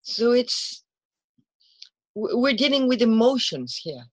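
A native Spanish-speaking woman with a Spanish accent speaks earnestly and emotionally in a heartfelt conversation, repeating herself and searching for English words as if translating in her head. Her voice is a little high with big pitch swings, slow, with no echo.

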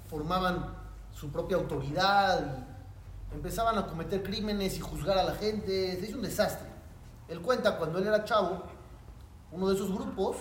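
A man's voice: sits high, far from the mic. A rabbi with a Mexican Spanish accent, telling a story to his class and acting out the voices in it. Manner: animated storyteller who acts out voices. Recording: echoey room with faint noise.

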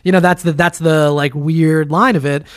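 A man from New Jersey hosting a podcast, talking in casual, animated conversation with filler words and the occasional swear. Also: a little high, normal speed, clean tone, no room sound, clean studio sound. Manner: animated, swearing, frequent "like" and "you know". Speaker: podcast host.

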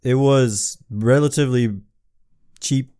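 A man's voice: mid-range voice, slow pace, mellow, clean tone. A man co-hosting a casual podcast, blunt and teasing, swearing constantly. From lives in Hawaii. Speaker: podcast co-host. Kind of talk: casual chat.

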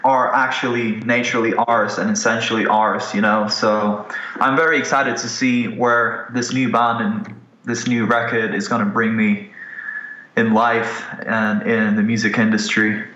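A man's voice: on the low side, flat delivery, measured pace, sharp tone. A man in his twenties from Ukraine, a musician talking candidly and casually in an interview, swearing now and then. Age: 20s. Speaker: guest musician. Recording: dull, roomy recording.

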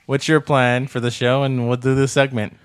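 A man co-hosting a comedy podcast in casual chat, wry and deadpan, turning excitable now and then. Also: mid-range voice, normal speed, clean tone, dry recording, studio quality. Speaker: podcast co-host.

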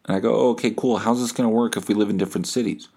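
On his podcast, a man recounts a story with casual humor, cursing and running himself down while reading message exchanges aloud as dialogue. His voice is on the low side, rapid-fire, and fairly even in intonation, with a mellow, slightly rough quality.

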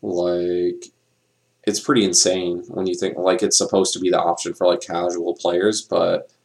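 A man co-hosting a casual podcast, talking in a flat monotone, rambling with many fillers and coughing at times. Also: low-pitched, unhurried, creaky. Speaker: podcast co-host.

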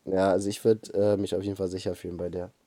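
A woman in casual chat, telling a story in a relaxed way with fillers. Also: extremely low pitch, fast.

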